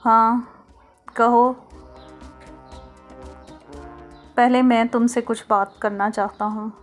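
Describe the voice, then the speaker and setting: A woman reading as a calm fatherly man. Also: a little high, a little slow, lightly acted. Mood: stern. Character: gentle fatherly middle-aged man advising his daughter. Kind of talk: storybook reading. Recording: soft music underneath.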